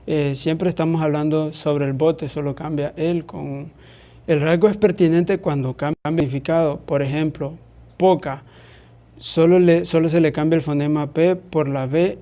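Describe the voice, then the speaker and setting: Man, slightly high voice, hesitant, classroom explanation. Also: mellow. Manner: hesitant, many fillers and restarts. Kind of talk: explaining a phonetics lesson.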